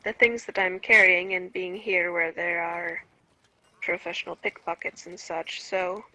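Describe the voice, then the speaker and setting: A woman's voice: fairly low pitch, level tone, measured pace, sharp tone, rough recording. A woman playing a tabletop game who speaks in a hesitant, polite way with many fillers. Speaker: player.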